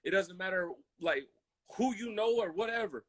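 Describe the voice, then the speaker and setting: A high-voiced American man speaks at a moderate pace as co-host of a casual, impassioned podcast. He talks emphatically, repeats phrases, and acts out imagined quotes. He comes from a military family and grew up in Germany, Colorado and Hawaii.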